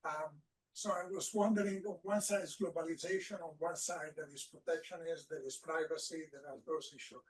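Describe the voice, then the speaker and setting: A man in the audience poses a long, wandering question to a live panel. His voice sits fairly high and comes from far off the microphone. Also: steady tone, a little fast. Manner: rambling, searching question. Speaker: audience member asking a question.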